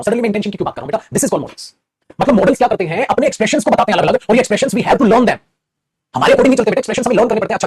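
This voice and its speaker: A man's voice: high-pitched, a little mellow, husky. A man with an Indian accent teaching an English grammar lesson, playfully acting out little dialogues and calling his students "beta". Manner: calls listeners "beta". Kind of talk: classroom grammar lesson mixing Hindi and English.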